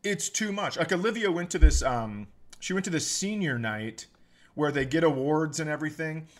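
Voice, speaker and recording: This middle-aged American man rants with exasperation and plenty of swearing while casually telling stories on a comedy podcast. His fairly high voice is expressive and moves at a moderate pace.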